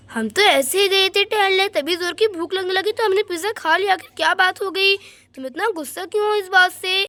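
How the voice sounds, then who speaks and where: A woman's voice: very high voice, a bit bright, dry recording. A woman voicing an easygoing young man doll who coaxes and soothes his upset girlfriend in a doll story. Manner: coaxing, calls his girlfriend sweet names.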